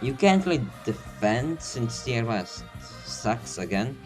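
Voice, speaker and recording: A man's voice: medium pitch, big pitch swings, a little slow, over music, rough recording. Breathless man recording under a blanket. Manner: casual, rambling, self-deprecating. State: slightly out of breath. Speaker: video game guide maker. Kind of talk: casual game guide narration.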